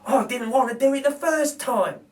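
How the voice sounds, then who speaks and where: A man's voice: very high voice, normal speed, pitched above the performer's own voice. A man voicing a cheeky, good-natured working-class burglar in a storybook, with emphatic, colloquial speech. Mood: coaxing. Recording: distant microphone.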